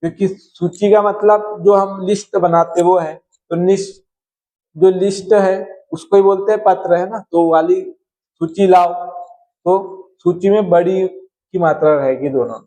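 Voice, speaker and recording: A man's voice: high voice, steady tone, a little slow, dark tone, poor audio. A man teaching a Hindi spelling lesson, going through words one at a time and often checking in with his students. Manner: explains word by word, often checks in with "है ना". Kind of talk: slow spelling-correction lesson.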